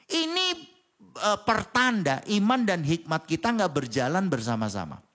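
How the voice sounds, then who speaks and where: Man, pastor, fairly high voice, sermon with loud peaks and quiet asides. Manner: swings between loud exclamations and low asides, chuckles often. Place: church hall.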